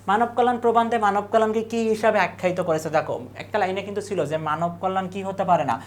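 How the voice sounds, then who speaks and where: Young adult tutor, exam revision lesson, question-and-answer drilling, mid-range pitch. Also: slight background noise. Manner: asks quiz questions and answers them in quick lists.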